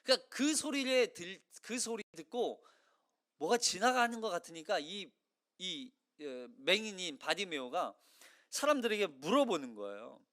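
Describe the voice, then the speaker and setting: A male pastor giving a Sunday sermon in a conversational, animated way, acting out the voices of the crowd. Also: high voice, normal speed. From South Korea.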